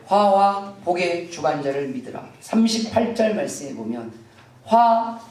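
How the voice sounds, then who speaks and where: A woman's voice: fairly low pitch, sing-song, normal speed, darkish tone. A woman pastor preaching an impassioned sermon in a church, acting out scripture dialogue. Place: church sanctuary. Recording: echoey church, from a distance.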